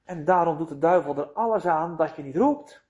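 A man preaching a sermon in a deliberate, emphatic way, with rhetorical questions to his listeners. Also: on the high side, lively intonation, a little mellow, muffled recording.

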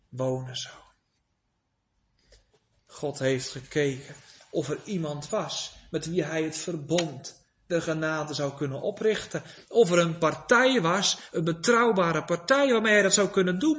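A man preaching a sermon, swinging from soft, low asides to loud, emphatic pleading. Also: slight background noise. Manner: rises to loud emphatic pleading, drops to soft near-whisper.

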